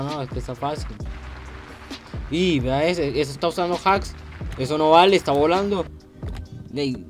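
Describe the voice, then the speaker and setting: A man, giving casual, joking gameplay commentary and bursting into shouts when things go wrong. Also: medium pitch. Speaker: gaming youtuber.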